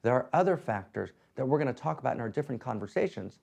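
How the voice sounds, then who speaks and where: A man's voice: mid-range voice, lively intonation, fast talker, gravelly, a little mellow. A man giving a spiritual teaching talk, emphatic, often tagging his points with rhetorical questions. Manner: emphatic, frequent rhetorical "right?".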